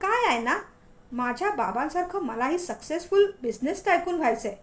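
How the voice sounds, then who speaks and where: A woman's voice: sits high, expressive, moderate pace. A woman voicing a sly, defiant young woman who teases and taunts. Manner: teasing, defiant. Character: cunning, feisty young woman.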